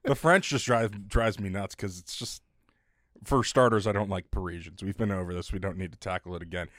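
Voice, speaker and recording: A man's voice: deep voice, brisk, fairly bright tone, no room sound, clean studio sound. A man co-hosting a casual podcast, telling loose, profane stories and laughing often. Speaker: podcast co-host.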